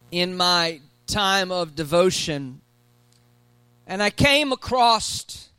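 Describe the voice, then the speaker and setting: A man preaching a sermon, calling out to his congregation and swinging between loud emphatic peaks and quiet storytelling. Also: very high-pitched, clear, resonant tone, dry recording. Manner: preaching with call-and-response to the congregation. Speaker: pastor.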